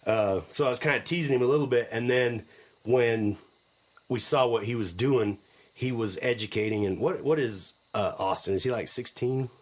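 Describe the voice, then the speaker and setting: A middle-aged man hosting a live podcast, chatting casually and enthusiastically, often repeating his words as he goes. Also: medium pitch. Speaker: podcast host.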